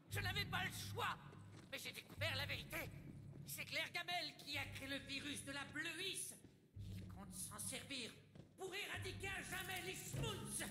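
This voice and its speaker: A small, fretful scholar creature from a video game, with a very high voice. He speaks formally and earnestly, in long reverb with loud music behind. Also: exaggerated voice. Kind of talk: video game character acting.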